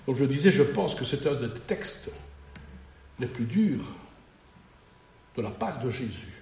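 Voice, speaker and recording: A man's voice: mid-range voice, lively intonation, measured pace, darkish tone, reverberant, recorded from a distance, slight background noise. A man preaching a sermon, reading a Bible passage and then talking it over in a conversational way with rhetorical questions.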